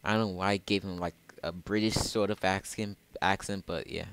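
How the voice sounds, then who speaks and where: Low-voiced rambling man gaming. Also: steady tone, a little fast, a bit bright, clear, resonant tone. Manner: rambling, self-correcting. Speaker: gamer, channel host. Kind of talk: casual let's play commentary.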